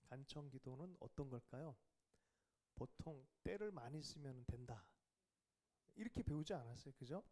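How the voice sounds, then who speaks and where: Lively, mellow-voiced man preaching. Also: medium pitch, normal speed. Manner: questions the congregation and asks for replies; drops to a whisper for quiet asides. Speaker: pastor. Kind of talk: revival sermon.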